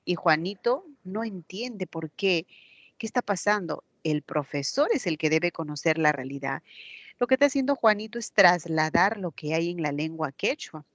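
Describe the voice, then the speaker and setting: A woman's voice: on the low side, animated, normal speed, fairly bright tone, no echo. A woman with a Peruvian Spanish accent teaching a recorded class, patiently explaining step by step with examples. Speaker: language teacher. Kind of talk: recorded online class lecture.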